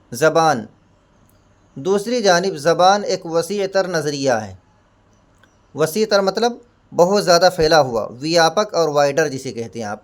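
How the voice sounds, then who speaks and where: A man teaching an exam-prep lesson. He asks himself questions, answers them, and repeats key points with Hindi and English equivalents. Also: fairly high pitch. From India. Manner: explains each term with Hindi and English equivalents.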